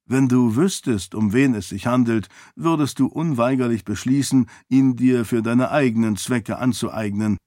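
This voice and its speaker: Man doing an older king, dry and teasing, mid-pitched, audiobook, dry sound. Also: moderate pace, few pauses, dark tone, no room sound, close to an everyday voice. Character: wry, fond older king and father. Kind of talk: audiobook character voice.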